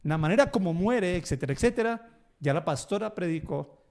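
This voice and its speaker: A man's voice: high voice, lively intonation, fairly quick, a little mellow. A man pastor preaching a sermon, telling stories with acted dialogue and emphatic bursts.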